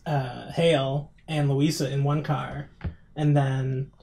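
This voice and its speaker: A man's voice: medium pitch, level tone, slow pace, vocal fry, warm tone. Casual male game player, faint noise. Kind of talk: casual game table talk.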